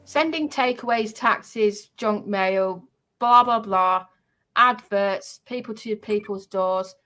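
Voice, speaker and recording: A woman with a medium-pitched, slightly bright voice rants off the cuff at online trolls, confronting them directly. Her scolding comes out haltingly, and she keeps repeating her points to hammer them home.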